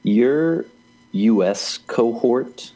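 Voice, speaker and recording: A man's voice: medium pitch, expressive, extremely slow, warm tone, poor audio. A man co-hosting a soccer podcast, chatting casually in a rambling way with frequent restarts and easy laughs. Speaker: podcast co-host. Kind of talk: casual chat.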